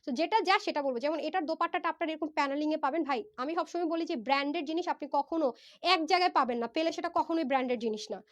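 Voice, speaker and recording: Brief: hoarse woman seller, high voice, rapid persuasive live pitch on a phone. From Bangladesh. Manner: fast, persuasive, mixes in English words. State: hoarse from a fever. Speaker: online clothing seller. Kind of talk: live-stream sales pitch. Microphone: phone livestream.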